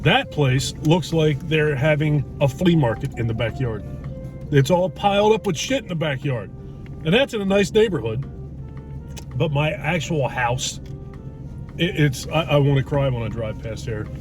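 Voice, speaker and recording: A man's voice: fairly high pitch, lively intonation, measured pace, over music. A middle-aged man chatting casually and bluntly as a food vlog host, rambling and cursing a little. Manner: blunt, mildly profane, rambling. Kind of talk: casual chat. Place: inside a parked car in a driveway. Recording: noisy car interior with road hum.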